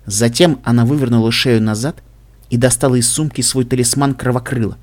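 A man's voice: mid-range voice, steady tone, brisk, darkish tone. Man reading an audiobook evenly. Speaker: audiobook reader. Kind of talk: scripted narration.

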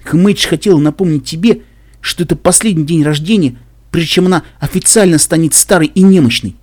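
A man's voice: on the high side, brisk, a little mellow, no room sound, pitched above the performer's own voice, close to an everyday voice. A man voicing a brave, cheerful male pegasus caravan guard in an audiobook, speaking boldly and reassuringly. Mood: hearty.

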